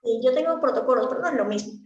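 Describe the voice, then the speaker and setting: A woman's voice: high-pitched, rapid-fire, darkish tone, echoey room, highs cut off. A woman teaching speech therapy to a class, explaining practically with examples. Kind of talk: online class lecture.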